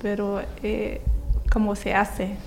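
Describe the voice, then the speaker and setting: A woman's voice: mid-range voice, monotone, slow pace, a little hiss or hum. A woman in her twenties speaking Spanish as a learner, in short, hesitant answers. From Somalia. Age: 20s. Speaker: interviewee. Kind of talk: slow, simple learner's speech.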